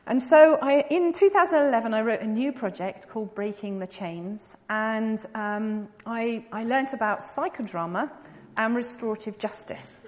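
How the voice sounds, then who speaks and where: With a slightly high, darkish voice at normal speed, an English woman in her forties delivers a casual missionary talk to churchgoers. Lots of ums and light, laughing asides fill her speech, which rings with the long reverb of a large hall.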